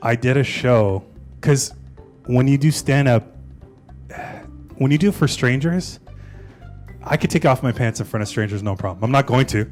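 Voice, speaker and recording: A stand-up comedian in his forties talks in a loose, chatty way, moving between interview answers and bits from his set. His voice is mid-pitched for a man, and he often ends a thought with "right?". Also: normal speed, long pauses, darkish tone, faint music behind. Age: 40s. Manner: chatty, tags lines with "right?".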